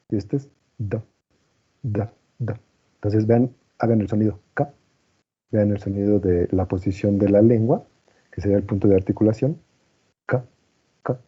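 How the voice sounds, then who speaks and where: Man, teacher, husky low voice, patient and explanatory, dull muffled recording. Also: warm tone. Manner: patient, checks understanding with frequent "¿no?" and "¿vale?". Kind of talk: explaining a lecture to a class.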